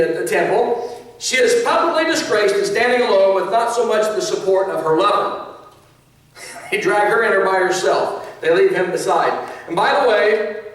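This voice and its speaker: A man with a high voice preaches a sermon in a conversational way, dropping asides and small laughs. He is recorded from a distance, and the sound rings with long hall reverb. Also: a bit bright. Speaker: pastor. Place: church sanctuary.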